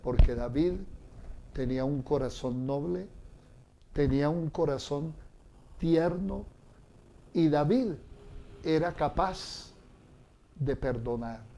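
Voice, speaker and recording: A man preaches at a very unhurried pace. His voice sits somewhat high but sounds mellow and warm. He retells the scripture dramatically and keeps turning to the listeners with questions. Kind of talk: sermon.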